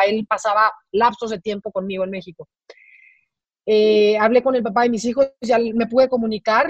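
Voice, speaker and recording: A woman's voice: fairly high pitch, no echo. Emotional Mexican woman telling her story. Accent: Mexican Spanish. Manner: halting, repeats words, voice breaking with emotion. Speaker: interview guest. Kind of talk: emotional personal account. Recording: dry, slightly dull recording.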